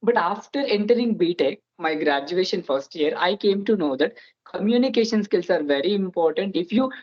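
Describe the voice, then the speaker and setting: The audio is dull, but this expressive, medium-pitched host speaks at a normal pace. In their twenties and a native Telugu speaker with a Telugu-flavored Indian accent, they chat earnestly in a relaxed interview, frequently leading with "so".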